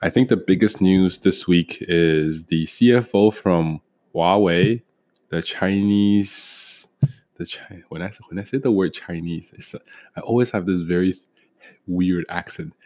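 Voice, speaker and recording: A young podcast co-host with a deep, darkish voice talks at a measured pace on a casual show. He's hesitant, with frequent ums and restarts.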